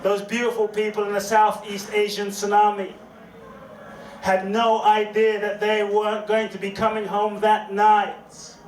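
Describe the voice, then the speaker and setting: A man with a high voice gives a motivational talk at an unhurried, dramatic pace, repeating questions to the audience. His voice carries from a distance through a reverberant event hall, with a faint hiss underneath. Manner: slow, dramatic, repeats questions, leads call-and-response. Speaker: inspirational speaker. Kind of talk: motivational speech to a live audience. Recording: echoey hall, distant mic, faint noise.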